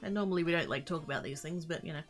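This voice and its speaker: A woman's voice: low-pitched, rapid-fire, soft background music. A woman livestreamer chatting casually and playfully with her viewers, rambling and easily sidetracked. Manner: playful, informal greetings to chat.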